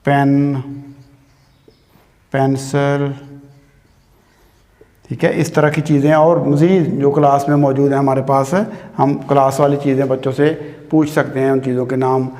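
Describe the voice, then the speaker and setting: A man teaching an English grammar lesson at a board, slow and patient, often checking in with "theek hai". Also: medium pitch, flat delivery, mellow, big-room sound. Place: classroom with a board.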